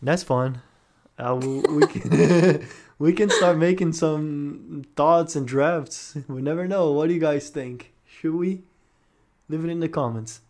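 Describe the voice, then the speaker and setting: A man's voice: on the high side, slow, a little mellow. A young man co-hosting a casual podcast Q&A, upbeat and enthusiastic, often laughing between answers. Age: young adult. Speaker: podcast co-host. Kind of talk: casual Q&A chat. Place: home setup, recorded for a podcast.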